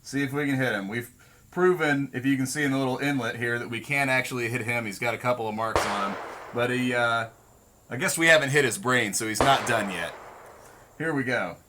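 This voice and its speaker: A man's voice: mid-range voice, a little fast, background noise. Joking man hosting outdoors. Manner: joking, laid-back, frequent ums. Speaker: video host. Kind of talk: casual demonstration vlog. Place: outdoor shooting range.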